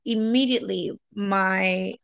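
A woman guest from California speaks in an earnest, upbeat way, sliding between English and Spanish mid-sentence. Her pitch sits mid-range for a woman, and she breaks into laughter often as she talks. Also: steady tone, takes it slowly, creaky, a bit bright, clear, resonant tone, no room sound. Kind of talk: casual bilingual interview chat.

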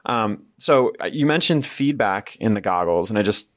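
A man with a very low voice hosts a gear podcast, asking curious questions and chiming in with frequent agreement. His voice sounds close and dry, with no room around it. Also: animated, moderate pace, no room sound. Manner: curious, affirming, many backchannels. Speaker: podcast host. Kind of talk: interview, casual chat.

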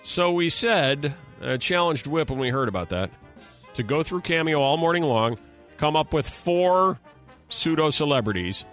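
Bright-voiced American man hosting morning radio. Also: fairly high pitch, expressive, normal speed. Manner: playful, joking. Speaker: radio show host. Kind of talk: morning radio contest banter. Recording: music bed behind voice. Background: background music.

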